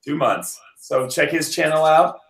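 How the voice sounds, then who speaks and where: A man's voice: on the high side, measured pace, a bit bright. Man, 30s, easygoing rambling host on a video call, echoey room sound. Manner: rambling, with restarts and laughs. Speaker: host of a mountain biking live stream. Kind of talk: casual chat on a video call.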